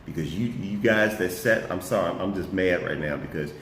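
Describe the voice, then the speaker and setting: Deep-voiced man, heated and echoey. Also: normal speed, fairly bright tone. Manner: heated, repeats words when worked up, uses y'all. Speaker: co-host. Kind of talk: impassioned political discussion. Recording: echoey room, faint noise.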